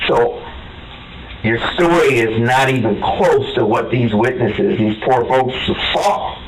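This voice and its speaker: A man's voice: medium pitch, slow. A man, a police detective, pressing a suspect in a matter-of-fact, mildly taunting way. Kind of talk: police interrogation. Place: police interrogation room. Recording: noisy interrogation room recording.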